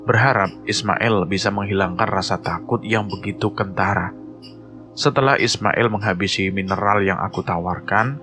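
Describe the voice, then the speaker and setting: A man telling a horror story in measured, suspenseful scripted narration, with music playing behind. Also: lowish voice, pushed and bright.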